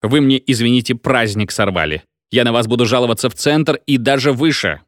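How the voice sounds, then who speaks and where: A man's voice: medium pitch, fairly quick, no room sound, studio quality, natural voice. A man voicing a flustered, indignant chairman of a village meeting who exclaims his protests.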